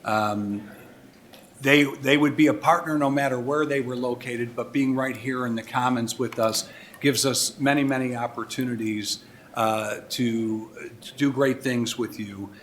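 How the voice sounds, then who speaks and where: In the village board meeting room, the sixty-something American mayor delivers a recognition speech, partly read and partly folksy, informal commentary. His mid-range voice is fairly even, a little slow and a bit bright, with slight background noise.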